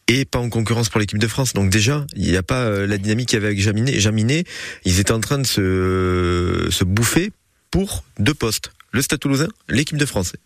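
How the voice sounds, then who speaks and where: A man offers blunt, matter-of-fact sports analysis in a radio studio. His voice sits a little low. The sound is dry and close. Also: no echo.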